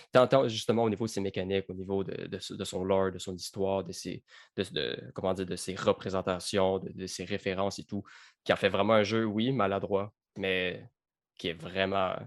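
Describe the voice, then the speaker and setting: A Québécois man hosts a relaxed podcast chat about a video game, tripping over and repeating words as he begins his thoughts. His voice is lowish and recorded dry, right on the mic. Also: a little fast, dry recording. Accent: Québécois French. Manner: repeats words when starting sentences. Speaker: podcast host. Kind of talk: casual game review chat.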